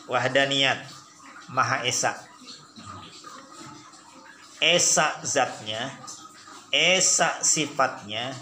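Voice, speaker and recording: A middle-aged religious teacher speaks in a bright, forward voice. He keeps the lesson casual and folksy, playing both sides of a mock argument with rhetorical questions. A faint hiss runs under the recording. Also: mid-range voice, roomy sound.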